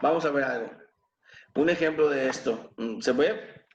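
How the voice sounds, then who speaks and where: A man's voice: fairly high pitch, unhurried, roomy sound, highs cut off, a little hiss or hum. A man teaching a class, patiently spelling out sounds one at a time and quizzing his students. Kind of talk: explaining pronunciation to a class.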